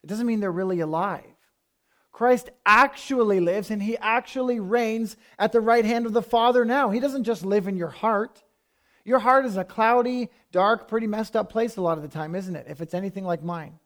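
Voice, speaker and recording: Man, pastor, sermon, high voice, conversational preaching, firm emphasis. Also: moderate pace, a bit bright.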